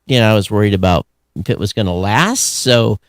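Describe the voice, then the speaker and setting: In a dry, clean studio recording, an American man with a fairly low voice talks a little fast as a podcast co-host. His chat is casual, unscripted and rambling, the easygoing talk of a show.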